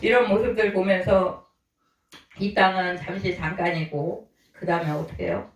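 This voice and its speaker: A woman's voice: on the low side, normal speed, far from the mic. Woman pastor telling stories in a roomy church. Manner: lively storytelling, acts out quoted voices, laughs often. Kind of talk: storytelling sermon. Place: church hall.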